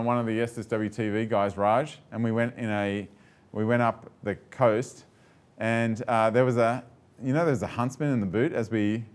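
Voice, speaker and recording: A man's voice: medium pitch, smooth. A man giving a live presentation to an audience, chatty and joking, with many fillers and restarts.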